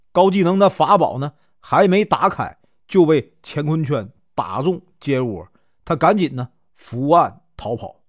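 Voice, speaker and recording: A man telling a classic legend in a casual, chatty storytelling way, with lots of drawn-out filler particles. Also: a little high, no room sound, clean studio sound.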